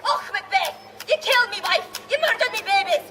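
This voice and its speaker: A woman's voice: extremely high pitch, animated, a little fast. Woman hamming up a wailing mock-Scottish Macduff. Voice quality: over-the-top put-on brogue. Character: grieving Scottish warrior Macduff, man, hammy. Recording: live stage recording with audience noise.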